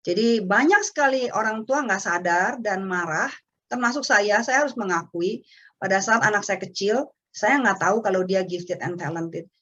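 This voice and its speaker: Indonesian lady chatting on a webinar, animated, mid pitch, kinda lo-fi sound. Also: normal speed. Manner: chatty, animated storytelling with acted quotes. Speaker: webinar speaker on parenting. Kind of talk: casual talk. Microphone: webinar microphone.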